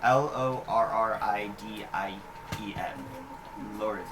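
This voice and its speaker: A man's voice: lowish voice, fairly even intonation, measured pace, distant mic, music in the background. A man talking casually as a player at a tabletop game. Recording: noisy echoey room recording.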